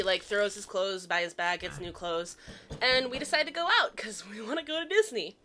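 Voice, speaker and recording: A young woman casually telling a childhood story among friends, animated and quick to laugh. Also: mid-range voice, a little hiss or hum. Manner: animated, laughs often, acts out quoted lines. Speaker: storyteller in a gaming chat.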